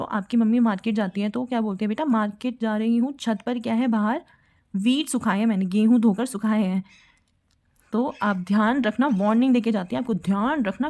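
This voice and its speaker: A woman's voice: a little high, dark tone. A young woman teaching vocabulary for exam preparation, explaining each word with a memory trick and a short made-up story. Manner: explains word tricks with little stories, acts out quotes. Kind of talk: exam-prep vocabulary lesson.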